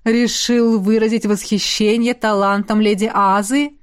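A woman voicing a sly older man, a scheming security chief with a smooth, ingratiating manner. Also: mid-range voice, flat delivery, unhurried, no echo, studio quality, natural voice.

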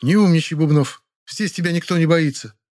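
A man's voice: fairly high pitch, fast, pitched above the performer's own voice, natural voice. A man putting on a strict scolding office woman. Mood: irritated. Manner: sharp and indignant.

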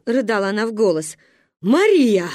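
A woman narrating an audiobook story, her somewhat high voice moving expressively up and down. She sounds close to the mic in a dry, dead space. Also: expressive, a little fast, a little mellow, no echo.

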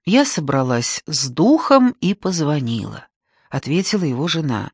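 A woman reads an audiobook in the first person, telling the story in an expressive, conversational way. Her voice sits at a middle pitch but rises and falls a great deal. The sound is close and dry, with no room echo. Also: moderate pace, breathy edge. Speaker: audiobook narrator.

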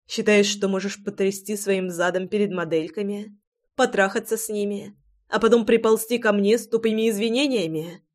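An audiobook reader voicing a sharp-tongued, furious pregnant young wife who hisses and shouts her lines. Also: medium pitch, little pitch movement, slow pace, hardly any pauses, natural voice. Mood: shouting, furious. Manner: clipped, hissing, shouting. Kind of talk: audiobook character voice.

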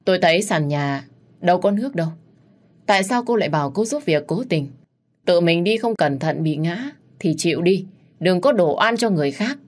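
A woman voicing a stern, sharp-eyed elderly grandmother who scolds firmly. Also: fairly low pitch, animated, moderate pace.

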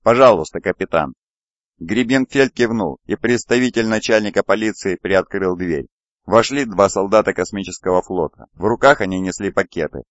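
A man reading an audiobook in steady, scripted narration. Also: on the low side, normal speed, no room sound, muffled recording. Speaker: audiobook reader.

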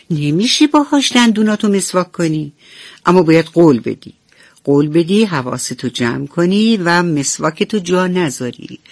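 A woman voicing a caring mother sheep in a radio bedtime story, gentle but firm, in a slightly lower voice. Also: dry recording.

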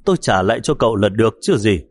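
A man's voice: fairly low pitch, sing-song, no room sound. A male narrator voicing a cranky, mischievous old man who complains and scolds. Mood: indignant. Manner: petulant, quick complaining.

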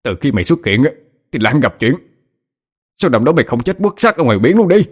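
A man voicing a drunk, furious young husband who shouts with hostility. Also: medium pitch, expressive, very fast, husky.

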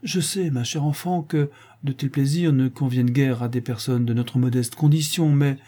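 A man reading the part of a kindly, gentle, modest bookseller husband in a storybook reading. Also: mid-range voice, fairly even intonation, moderate pace, voice pushed up, lightly acted.

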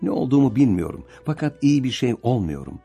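A man's voice: medium pitch, big pitch swings, quick pace, creaky, mellow, husky, faint music behind, pitched above the performer's own voice, heavily acted. A man voicing a desperate young man in a storybook reading, speaking in a strained, choked way. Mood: bitter. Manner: strained, choking with despair.

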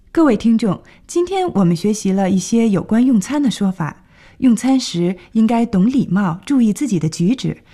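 A woman presenting a scripted radio language lesson, clearly explaining and translating each phrase. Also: mid-range voice, dark tone. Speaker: radio English teacher.

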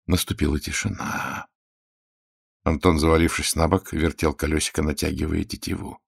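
A man reads a story aloud in a steady, measured way. His voice is deep and low. The recording is dry and close, with no room sound. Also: gravelly, husky, dry recording. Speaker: narrator. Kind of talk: audiobook narration.

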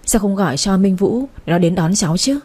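A woman voicing a kindly, authoritative old grandfather who settles matters calmly, in a storybook reading. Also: medium pitch, a little fast, slightly rough. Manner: calm, settled, decisive.

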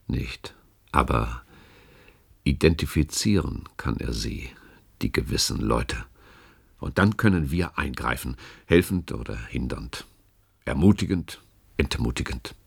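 A very deep, gravelly and husky male voice belongs to an actor playing a grave, calculating older department chief in a German radio play. His delivery is expressive and heavily acted, built on deliberate, persuasive rhetoric.

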